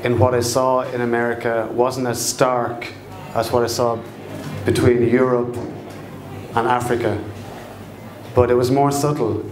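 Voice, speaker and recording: A middle-aged man from Dublin with an Irish accent tells a personal story live in a fireside storytelling style, halting and reflective as he searches for his words. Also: mid-range voice, flat delivery, slight background noise. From Dublin, Ireland. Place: indoor live storytelling event, echoey room. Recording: echoey room.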